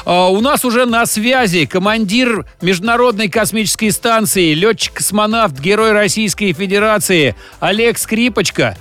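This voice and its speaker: A man's voice: high voice, normal speed, hardly any pauses, fairly bright tone. A man hosting a live radio interview in a jocular, conversational manner. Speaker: radio show host.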